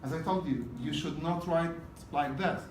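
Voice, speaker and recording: A man lecturing a class on exam preparation, his voice sitting a bit high for a man and heard from across an echoing room. He talks in loose spoken bursts and keeps checking that students follow him. The recording is roomy, with faint noise underneath. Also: moderate pace, distant mic. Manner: repetitive, checks in with "okay?". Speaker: exam prep teacher.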